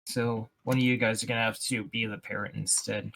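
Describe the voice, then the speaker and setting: A man's voice: fairly low pitch, little pitch movement, brisk, vocal fry, fairly bright tone. A young man co-hosting a podcast in casual chat with friends, speaking in a dry, matter-of-fact way. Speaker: podcast co-host.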